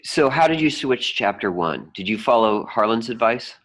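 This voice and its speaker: A man's voice: mid-range voice, expressive, normal speed, a bit bright, low-quality recording. A man coaching authors on a group video call, scoring chapter titles with enthusiasm. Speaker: book coach leading a group review.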